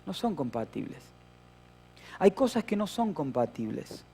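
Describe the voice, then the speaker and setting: High, gravelly-voiced Rioplatense pastor. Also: male voice, big pitch swings, measured pace, a little hiss or hum. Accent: Rioplatense Spanish. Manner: storytelling with playful humor, acting out shouts and voices. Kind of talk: sermon.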